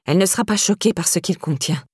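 A woman's voice: on the low side, fast talker, a little mellow, slightly rough, no echo, studio quality. A woman voicing a timid, prim older woman who speaks in a pinched, frightened tone. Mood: pinched, wary. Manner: clipped, pinched tone.

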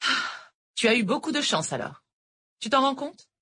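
A woman voicing a moody, bitter female math tutor in an audiobook, talking with a sharp, mock-cheerful edge. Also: on the high side, very animated, moderate pace, slightly rough, voice pushed up, heavily acted. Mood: brooding.

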